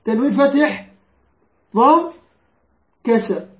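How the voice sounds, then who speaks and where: A man's voice: very high-pitched, expressive, slow pace. A man teaches Quran recitation rules, patiently repeating and quizzing his students. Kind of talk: tajweed lesson with call-and-response drills. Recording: roomy, dull lo-fi recording.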